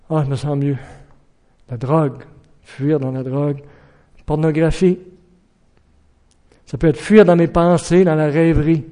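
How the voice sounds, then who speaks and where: A middle-aged man preaches a sermon in an earnest voice pitched a little high. He keeps putting questions to his listeners and breaks into acted-out shouted warnings.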